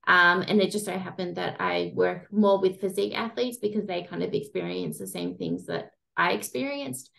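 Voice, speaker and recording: A young Australian woman with an Australian accent, chatting casually as a guest coach in an interview, relaxed and self-deprecating. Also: mid-range voice, gravelly.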